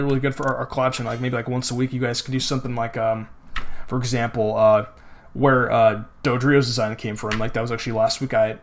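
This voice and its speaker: A young man hosting a let's play, rambling casually with lots of "like" and frequent swearing. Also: mid-range voice. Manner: rambling and profane, heavy use of "like". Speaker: gaming channel host. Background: game music.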